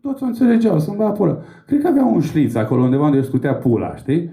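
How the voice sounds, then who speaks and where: A man's voice: on the high side, lively intonation, dark tone, roomy sound. A man from Romania doing a stand-up set, telling crude, rambling and profane stories on a comedy club stage.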